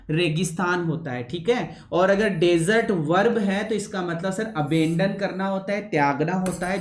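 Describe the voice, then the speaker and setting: A man teaching English vocabulary in a classroom lecture, pausing often to ask his students whether they have understood, and deliberately slowing his usually fast speech. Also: sits high. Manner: keeps checking with students, calls them son. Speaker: English teacher for exam coaching. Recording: echoey room.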